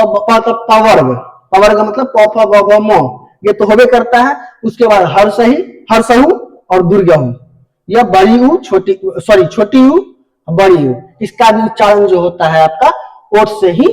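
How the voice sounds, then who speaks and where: Young guy teaching grammar, high voice, w/ ish flavor, keeps asking his own questions n answering. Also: a little mellow, rough recording. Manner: explains step by step, often checks with "ठीक है" and asks then answers his own questions. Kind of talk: classroom lesson.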